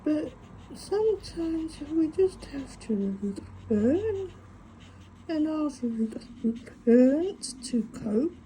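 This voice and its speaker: A tangle art vlogger with a stutter chats casually to camera as she draws, recorded on a phone. Her voice is high, warm and very animated but very slow, and she reflectively talks to herself as she works. The audio is poor, with slight background noise.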